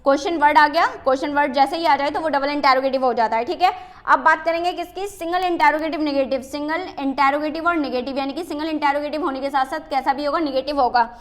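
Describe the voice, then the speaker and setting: A woman's voice: high voice, fairly bright tone. A woman teaching English tenses in Hindi, asking herself rhetorical questions and often checking in with "okay". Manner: repeats rhetorical questions, frequent "ठीक है" checks; reads English example sentences slowly and deliberately.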